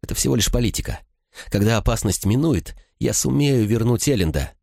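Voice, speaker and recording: A man voicing a wary, hurt young woman in an audiobook, talking softly and pleadingly. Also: medium pitch, lively intonation, a little fast, vocal fry, no room sound, clean studio sound, voice pushed up. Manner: soft, pleading.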